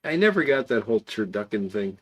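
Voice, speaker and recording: A man's voice: fairly low pitch, sing-song, brisk. A man hosting an online club hangout, chatting casually and off the cuff as he answers comments from viewers. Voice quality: gravelly, creaky voice. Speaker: host of an online pipe club.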